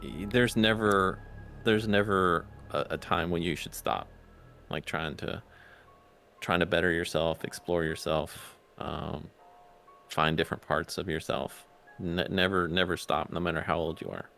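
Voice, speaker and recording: A man as a guest in a casual interview chat, earnest and halting, restarting his sentences. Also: low-pitched, fairly even intonation, vocal fry, fairly bright tone, faint music behind.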